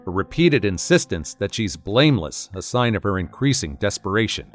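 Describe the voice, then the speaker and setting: A man's voice: on the low side, sing-song, moderate pace, faint music behind. A man reading a scripted narration with a wry, dramatic storytelling manner.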